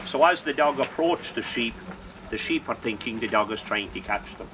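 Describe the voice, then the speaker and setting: A man's voice: medium pitch, animated, normal speed, far from the mic. A man explaining a live sheepdog demonstration to spectators outdoors, in an instructive way. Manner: explanatory, rhetorical questions. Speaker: sheepdog trainer and presenter. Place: outdoors at a sheep dog trial. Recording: very noisy outdoor recording.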